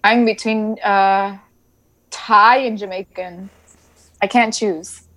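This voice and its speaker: A woman's voice: mid-range voice, steady tone, slow pace, fairly bright tone, no echo, rough recording. A woman from Argentina, a native Spanish speaker, chatting casually and candidly as a salty-tongued podcast guest. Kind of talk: casual chat.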